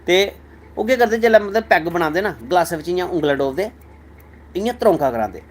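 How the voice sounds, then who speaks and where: A man's voice: sits high, lively intonation, brisk. A man with a Dogri accent, a comedian chatting casually with viewers on a live stream, telling stories in a playful way. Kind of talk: casual live chat answering viewer comments.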